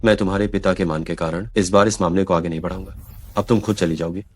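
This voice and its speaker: A man's voice: deep voice, steady tone, quick pace. A man voicing a cold, commanding young CEO in a Hindi dub, speaking in curt, stern orders.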